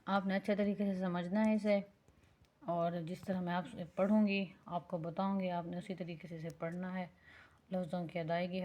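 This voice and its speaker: A woman teaching beginners Quran recitation, drawing out the verses slowly and then explaining the rules quickly and patiently. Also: mid-range voice, muffled recording. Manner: alternates slow drawn-out recitation with quick explanation; patient, instructive.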